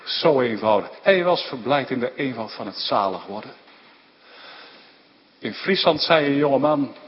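A man preaching a sermon with fervor, his voice swelling louder on key phrases. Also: medium pitch, animated, unhurried. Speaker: pastor. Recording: dull lo-fi church recording with long reverb.

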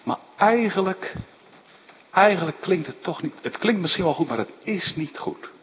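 High-voiced man preaching in a hall. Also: normal speed, slight background noise. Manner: animated, emphatic Bible exposition with frequent "hè?" asides. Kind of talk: sermon. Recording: dull sound in a large reverberant hall.

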